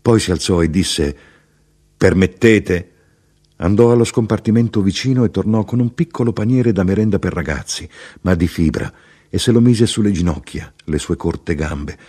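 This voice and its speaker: A man reading a literary novel aloud in a measured, expressive way. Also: low voice, slightly rough. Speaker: audiobook narrator.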